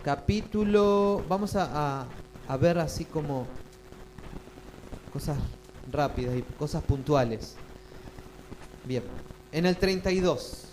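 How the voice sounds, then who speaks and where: A man's voice: on the high side, takes it slowly, pauses often, darkish tone, a little hiss or hum, rough recording. A male pastor, preaching a sermon and often asking the congregation questions. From Chile. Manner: asks the congregation frequent questions.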